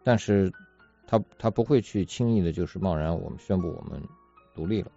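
A man talking in a casual political discussion, measured and deliberate, often asking rhetorical questions. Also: sits low, creaky, warm tone. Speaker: commentator. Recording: dull lo-fi audio with faint music.

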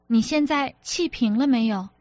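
A woman's voice: a little high, moderate pace, a little mellow, dry recording, dull audio, lightly acted. A woman reader voicing an apologetic, exasperated young husband who pleads and defends himself, as an audiobook character. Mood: placating.

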